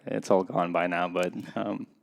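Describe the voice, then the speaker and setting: A low-pitched voice with vocal fry and fairly even intonation comes from a Russian podcast guest in his thirties, a skydiving competitor. Speaking in a casual interview, he's reflective, takes his time, and hesitates with many pauses.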